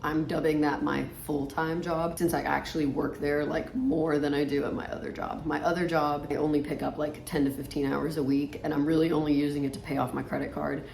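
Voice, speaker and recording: A woman's voice: low-pitched, flat delivery, creaky, a little mellow, slight background noise. A woman in her late twenties chatting casually and informally, with lots of filler words, as she applies makeup. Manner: talking while applying makeup, with trailing pauses; informal, filler-heavy, says "like" constantly. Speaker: vlogger. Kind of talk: casual chatty get-ready-with-me monologue. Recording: roomy echo.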